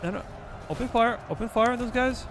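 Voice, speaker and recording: A Serbian man with a Serbian accent streams a strategy game, casually commenting as he orders his troops and chats with viewers. His voice is very high-pitched and fairly quick, with noise in the background.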